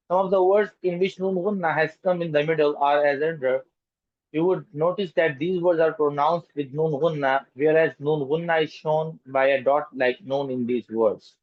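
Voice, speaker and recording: A man's voice: fairly high pitch, no room sound. Patient male language teacher, dull recording. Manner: patient, repeats and corrects pronunciation. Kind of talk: children's language lesson.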